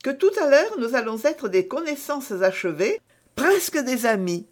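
A woman's voice: mid-range voice, lively intonation, measured pace, close to an everyday voice. A woman reading a novel aloud, voicing a trusting young novice nun with an eager, pleading manner. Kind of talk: audiobook character reading.

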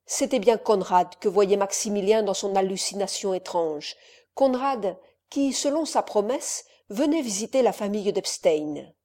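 Woman narrating a novel, mellow voice. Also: medium pitch. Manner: measured, expressive reading.

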